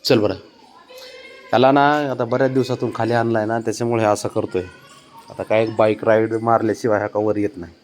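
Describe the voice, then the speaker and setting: A man coaxing and pleading with his pet cat in a casual, affectionate pet-talk voice, his calls often rising high and sing-song, recorded outdoors. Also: level tone, a little fast, a little mellow, a little hiss or hum. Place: outdoors below his home.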